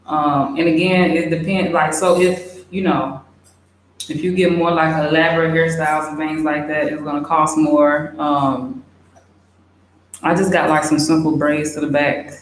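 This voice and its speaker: A young woman chatting casually, reading out and answering viewer questions in a relaxed way with many fillers. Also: sits low, unhurried. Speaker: expat vlogger. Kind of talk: casual livestream Q&A. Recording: very echoey room, faint hiss.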